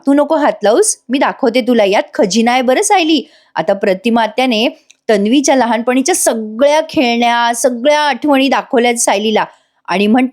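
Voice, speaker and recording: A woman's voice: on the high side, darkish tone. A woman in her thirties chattily retelling a TV serial episode, talking straight to the viewers and voicing the characters' lines herself. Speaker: serial review narrator.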